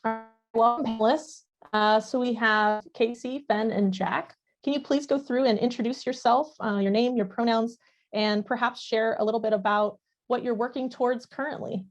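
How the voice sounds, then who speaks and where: A woman's voice: on the high side, steady tone, moderate pace. A woman facilitating an online training session and moderating a student panel, friendly and informal. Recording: dull, muffled online call audio.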